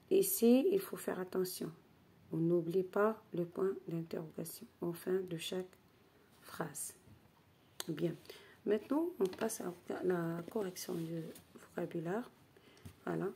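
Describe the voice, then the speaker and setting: Woman teacher going over exercises real slow, husky low voice, repeats stuff a lot. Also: dark tone. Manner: slow, patient, repeats key phrases. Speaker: French teacher. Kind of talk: explaining grammar exercise corrections.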